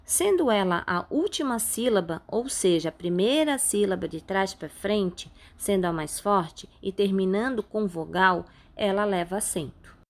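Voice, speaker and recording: A woman teacher with a Brazilian Portuguese accent, patiently explaining a grammar lesson step by step and slowing down on key words. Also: medium pitch, animated. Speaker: Spanish teacher. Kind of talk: recorded online class.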